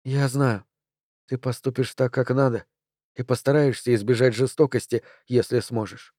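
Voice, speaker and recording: Soft hushed young woman in love, man reading her lines, dry close sound. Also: mid-range voice, steady tone, normal speed, dry recording, natural voice. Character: tender young woman, the hero's lover.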